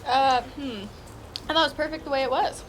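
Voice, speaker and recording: A woman's voice: high-pitched, fairly even intonation, brisk. A woman judging a home cooking contest in casual chat, giggly and chatty. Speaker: judge.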